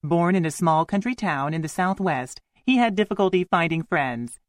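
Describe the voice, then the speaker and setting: Low-pitched woman giving a welcome speech. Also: lively intonation, moderate pace, no room sound, studio quality. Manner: formal, courteous. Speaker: event presenter.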